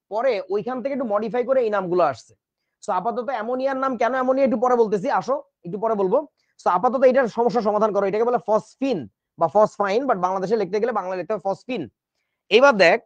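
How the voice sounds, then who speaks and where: A man's voice: high-pitched, no echo. A man teaching chemistry in a lecture, joking around and spelling out words letter by letter. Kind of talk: classroom lecture. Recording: dull, dry recording.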